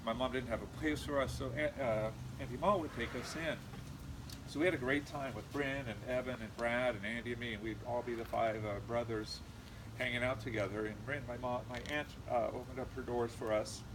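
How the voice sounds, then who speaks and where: A middle-aged Californian man with an American accent and a mid-range voice delivers an informal eulogy as the nephew of the deceased. He reminisces haltingly, pausing often. The amateur recording is noisy, with steady background noise.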